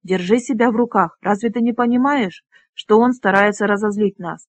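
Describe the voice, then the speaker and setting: An audiobook reader voicing a male dragonrider leader who speaks calmly and with restraint. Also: medium pitch, moderate pace, no echo, lightly acted. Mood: restrained. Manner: calm, restrained. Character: calm, controlled young male dragonrider leader.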